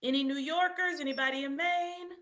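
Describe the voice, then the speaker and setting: A woman whose voice sits high talks a little fast while hosting a live read-aloud quiz for children. She's animated and encouraging, addressing participants directly and repeating questions.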